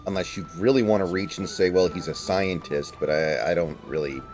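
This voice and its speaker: A man's voice: low-pitched, brisk, a little mellow, soft background music. A man streaming a video game, chatting casually in an analytical, rambling way with some swearing. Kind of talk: casual chat over gameplay.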